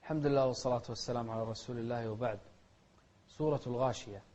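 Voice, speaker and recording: A man's voice: medium pitch, steady tone, very fast, a little mellow, faint music behind. A middle-aged man, teaching Quran recitation and correcting common pronunciation mistakes with a firm "no". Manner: contrasts wrong and right pronunciations, firm "no". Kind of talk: tajweed instruction, correcting common errors. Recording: dull lo-fi recording.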